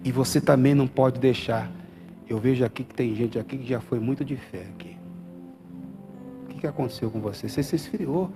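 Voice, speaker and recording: A man's voice: mid-range voice, fairly quick, over music. Fervent male pastor preaching. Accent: Brazilian Portuguese. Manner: fervent, swings from quiet to loud calls; calls for amens from congregation. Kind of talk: sermon. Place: church hall.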